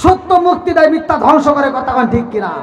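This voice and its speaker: Very high-voiced preacher. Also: male voice, expressive, fast, a bit bright. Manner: folksy, teasing the audience in dialect. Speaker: Islamic preacher. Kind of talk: waz sermon with chanted storytelling.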